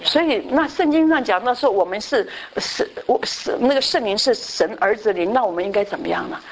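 A woman pastor giving a conversational Bible class. She repeats her phrases and often fills her pauses with a short affirming word. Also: on the high side, expressive, slight background noise, rough recording.

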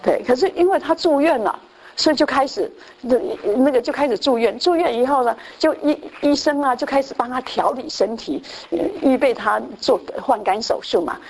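A woman's voice: sits high, lively intonation, a little fast, darkish tone. A woman preaching, telling a testimony as a sermon story with many repetitions and restarts, sometimes acting out the people she quotes. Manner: acts out quoted voices, mixing in English phrases.

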